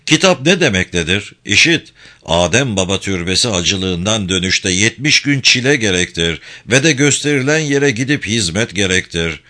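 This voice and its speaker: A man's voice: fairly low pitch, lively intonation, normal speed, sharp tone. A man voicing a stern, solemn old male sufi sheikh who gives grave commands. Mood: solemn commanding.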